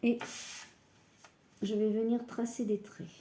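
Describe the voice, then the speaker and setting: A woman calmly guiding a scrapbooking tutorial step by step, working standing up. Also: on the high side, slow, slight background noise. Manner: calm step-by-step, often says "voilà". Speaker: scrapbooking crafter. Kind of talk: crafting tutorial.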